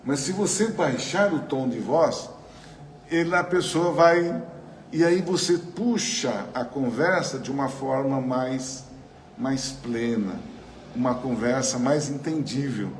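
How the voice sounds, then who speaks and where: A man's voice: mid-range voice, slow pace. Brazilian guy leading a spiritual study group on a mic, keeps asking the room stuff, big echoey hall. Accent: Brazilian Portuguese. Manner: chatty, asks the audience questions, frequent tag questions. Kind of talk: conversational spiritual talk to a live group. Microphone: microphone. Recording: roomy hall with faint noise.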